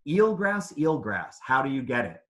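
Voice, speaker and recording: With a medium-pitched voice that swings widely in pitch, a man reads to children at a moderate pace. He sounds like a teacher, sticking to simple phrases and quizzing his listeners during this interactive read-aloud lesson.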